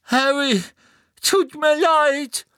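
A man's voice: extremely high pitch, pushed and bright, no room sound, studio quality, pitched above the performer's own voice, heavily acted. A man reading an audiobook and voicing a clumsy, frightened teenage boy who stretches out his words in a wailing voice. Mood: apologetic. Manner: drawn-out, wailing. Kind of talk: audiobook character voice.

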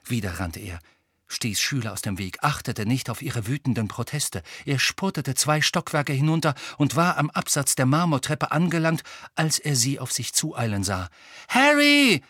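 A man narrating an audiobook in a dramatic, expressive storytelling manner. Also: medium pitch, normal speed, husky, no room sound, clean studio sound. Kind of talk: scripted narration.

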